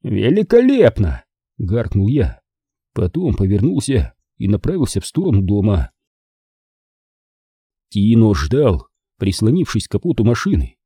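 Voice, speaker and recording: A man narrating a first-person crime audiobook in a measured storytelling manner. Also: on the low side, very animated, warm tone, breathy edge, no echo, studio quality.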